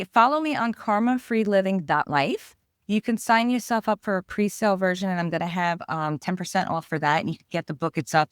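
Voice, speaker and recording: This woman, an author with a New York accent, speaks as a guest in a spiritual interview, earnestly explaining ideas about spiritual growth in a flowing way. Her voice is lowish and smooth, captured in a dry, clean studio recording.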